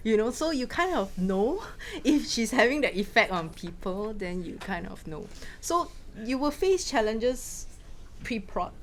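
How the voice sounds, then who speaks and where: A woman from Malaysia, a film director, answering questions in a casual talk with quick anecdotes and frequent laughs. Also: fairly high pitch, sing-song, slight background noise. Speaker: film director giving a masterclass.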